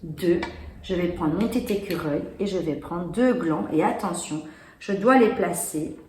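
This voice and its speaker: This is a casual demo where a woman plays children's board games and explains them in a chatty way. She speaks a little slowly in a fairly low, darkish voice, and the recording is echoey with faint noise.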